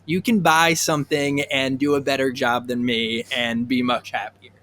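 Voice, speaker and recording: A man's voice: medium pitch, steady tone, moderate pace, pushed and bright, a little hiss or hum. A man hosting a podcast, chatting casually and plugging a product with lots of fillers and self-deprecating jokes. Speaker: podcast host.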